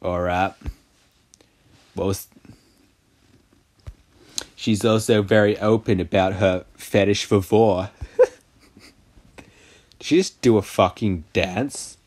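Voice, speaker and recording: A man's voice: on the low side, takes it slowly, long pauses, darkish tone. A man doing casual gameplay commentary, sarcastic and crude, mocking the game. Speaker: gaming channel host. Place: voice-over of a mobile game.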